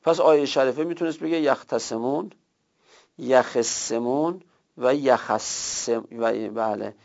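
A man teaching a grammar class, explaining step by step and repeating word forms slowly. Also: medium pitch, vocal fry, darkish tone. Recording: dull lo-fi recording.

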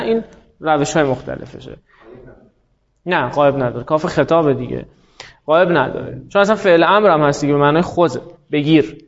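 A man teaching a classroom grammar lesson, explaining step by step and slowly spelling out example words. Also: sits high, highs cut off.

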